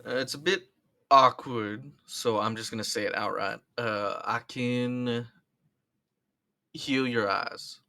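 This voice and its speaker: A generous, commanding male captain from a tabletop game, voiced by a man. He declares things loudly, with a bright, forceful tone. He sounds like a man in charge who pays his people well. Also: medium pitch, steady tone, slow, creaky, exaggerated voice. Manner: loud and declarative.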